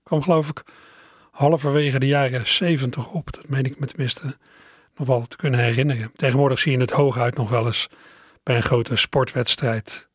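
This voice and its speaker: Middle-aged male radio host, slightly husky, close and dry, relaxed reflective chat. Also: medium pitch, moderate pace, no room sound. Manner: musing, conversational, addresses listeners directly. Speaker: radio presenter.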